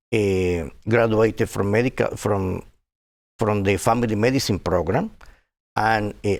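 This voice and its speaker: Interviewed on TV as a guest physician, a sixty-something man from Cuba comes across as sincere yet halting, leaning on plenty of fillers, in a fairly low-pitched voice.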